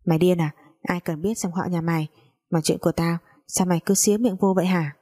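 Woman reading a bullying older mother, foul-mouthed, mellow husky low voice. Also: fairly even intonation, brisk, natural voice. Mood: scolding. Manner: coarse, cursing, scolding.

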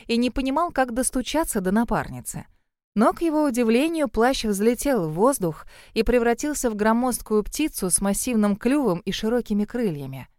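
Woman, audiobook narrator, smooth clean voice, dry close sound, steady storytelling. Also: medium pitch, no echo.

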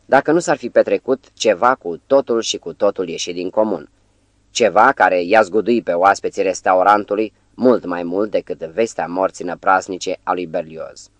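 A man narrating an audiobook in a measured, even storytelling manner. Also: sits low, no echo. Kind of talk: scripted narration.

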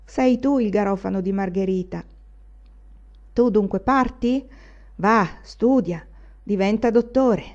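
A woman's voice: medium pitch, slow, long pauses, darkish tone, dull audio. A woman voicing a tipsy, ragged old village woman who gossips in a wheedling way. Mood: coaxing.

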